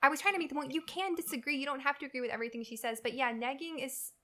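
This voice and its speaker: A woman's voice: sits high, racing, sharp tone. Blunt, profane woman podcast co-host. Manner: blunt, profane, advice-giving. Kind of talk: casual chat.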